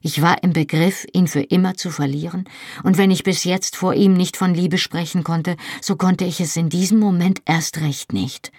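A woman reading a novel aloud in the first person, measured and expressive. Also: fairly low pitch, slightly rough, no room sound, clean studio sound. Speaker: audiobook narrator.

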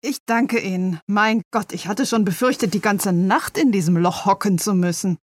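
A woman's voice: medium pitch, moderate pace, dry recording, clean studio sound, lightly acted. A woman reading as a wary city woman. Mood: earnest. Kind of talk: read-aloud novel dialogue.

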